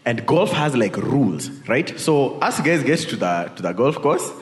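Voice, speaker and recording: Unhurried and medium-pitched, with big swings in pitch, a man with a Kenyan accent tells personal stories during a casual sermon. Tag questions and Swahili asides keep it informal, while the spacious hall around him echoes with long reverb.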